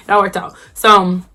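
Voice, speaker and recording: A young adult woman vlogger telling a personal story casually, acting out what people said with big jumps in pitch. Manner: animated, acts out quotes with big pitch jumps.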